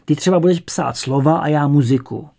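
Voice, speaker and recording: A man voicing an eager, excitable schoolboy full of ideas, talking in a rushing way, in an audiobook. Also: a little high, vocal fry.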